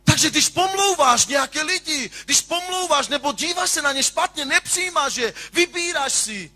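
A male pastor preaching a sermon with passion, moving from sung, shouted lines to quiet asides. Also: extremely high pitch, lively intonation.

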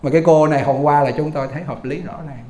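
A Buddhist monk, giving a folksy Dharma talk full of stories and rhetorical questions. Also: male voice, on the high side, steady tone, rapid-fire, warm tone, echoey room. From Vietnam. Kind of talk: Dharma talk to lay followers.

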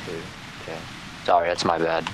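A man's voice: deep voice, monotone, moderate pace. A young man chatting casually with friends while playing a game, laid-back, laughing easily and saying "bro" a lot. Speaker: gamer. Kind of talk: casual chat while gaming. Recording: noisy game capture with clicks.

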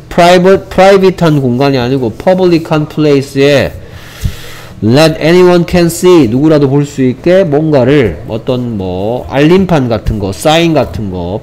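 A man's voice: a little high, a little mellow, a little hiss or hum. A man teaching an English vocabulary lesson. He explains step by step, repeats each phrase, and mixes English examples into his explanations, speaking English with a Korean accent.

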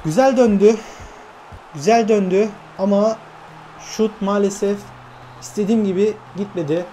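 A young man from Turkey giving lively, self-talking commentary while playing a football video game, urging on his players. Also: sits high, moderate pace, faint music behind. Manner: animated, talks to himself and his players, frequent laughs. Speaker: gaming YouTuber. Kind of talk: excited gameplay commentary.

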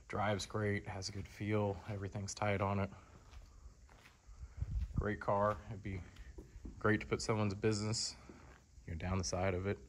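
A man giving a relaxed, conversational walkaround of a car in a large indoor showroom, speaking from behind the camera. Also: fairly low pitch, a little hiss or hum. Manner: relaxed, conversational, lots of fillers. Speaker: car dealer. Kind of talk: casual walkaround sales tour.

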